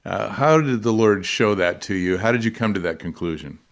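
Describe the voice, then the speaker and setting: A man's voice: on the low side, animated, fairly quick. Man hosting a pastors' podcast. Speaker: podcast host. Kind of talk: podcast interview.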